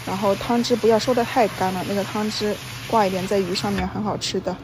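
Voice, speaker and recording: A woman's voice: mid-range voice, fairly even intonation, quick pace. A woman in her thirties narrates cooking steps informally, like a home vlogger. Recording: faint background noise.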